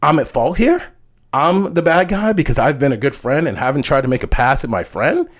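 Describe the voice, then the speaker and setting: An angry young woman, her pitch pushed well up, scolds a close friend with indignant, profane words, as a man puts her on. She sounds louder and more forceful than the teller's own voice. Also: lively intonation, a little fast. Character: upset young woman friend confronting him.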